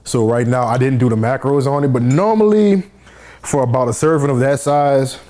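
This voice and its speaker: A man's voice: medium pitch, normal speed, dark tone. A man, a fitness coach, explaining things step by step in casual chat.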